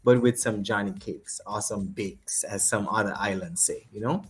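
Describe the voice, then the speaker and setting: A man's voice: fairly low pitch, moderate pace, faint music behind. A man from Saint Kitts with a Kittitian accent, chatting casually as an interview guest in a jovial, repetitive way. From Saint Kitts and Nevis. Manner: jovial, laughs often, repeats short phrases. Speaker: guest, step dance group director.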